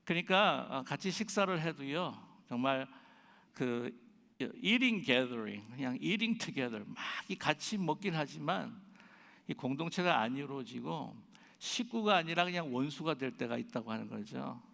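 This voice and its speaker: A man's voice: medium pitch, expressive, a little slow, vocal fry, a bit bright. A male pastor telling a story in a conversational sermon, with many fillers and now and then acting out the people he quotes. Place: large church sanctuary. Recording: church livestream with long reverb and faint music.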